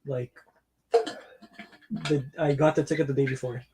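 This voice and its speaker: A man's voice: medium pitch, fairly even intonation, a little slow, background noise. A man co-hosting a football watchalong, telling long rambling stories with lots of fillers and restarts. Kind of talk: casual chat.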